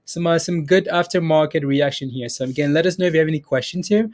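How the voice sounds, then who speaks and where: Talking fast in a fairly high, a little mellow voice, this livestream host gives loose commentary on stock prices. He's chatty, calls out names from the chat, says things more than once, and laughs a lot.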